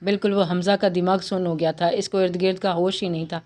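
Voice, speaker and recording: A woman narrating a romance novel aloud with steady storytelling and occasional slips. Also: fairly low pitch.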